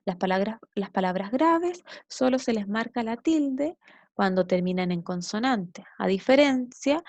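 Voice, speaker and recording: Chilean woman teacher, higher voice. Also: expressive, measured pace, a little mellow, no echo. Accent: Chilean Spanish. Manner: explanatory, frequent checking "¿ya?". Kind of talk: recorded classroom lesson.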